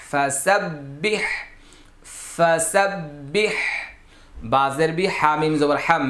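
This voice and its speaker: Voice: mid-range voice, fairly bright tone. Patient Quran tutor, letter-by-letter drilling, melodic recitation, roomy echo. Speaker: Quran reading teacher. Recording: echoey room.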